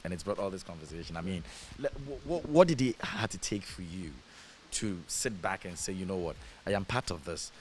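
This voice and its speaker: Deep-voiced Ghanaian-accented male interviewer, faint hiss. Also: animated, a little fast, hardly any pauses. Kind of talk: conversational interview questioning. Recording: background noise with hiss.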